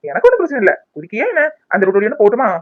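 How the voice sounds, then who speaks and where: A man's voice: sits high, wildly swooping pitch, very fast, dry recording, phone-quality sound, exaggerated voice. A man voicing a young man in a cartoon, a spurned ex-lover who is mocking, sarcastic and scheming. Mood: sarcastic, taunting.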